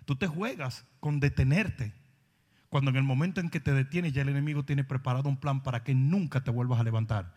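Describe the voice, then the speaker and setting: A man preaching a sermon, animated storytelling that rises to shouting. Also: mid-range voice, fairly quick. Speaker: pastor. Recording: long hall reverb.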